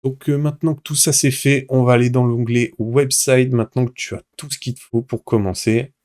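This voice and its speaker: Chatty man hosting a software tutorial. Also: medium pitch, steady tone, a little fast. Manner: chatty, addresses viewer informally, with filler sounds like hop and tac. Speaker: tutorial host. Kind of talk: casual screen-recorded software tutorial.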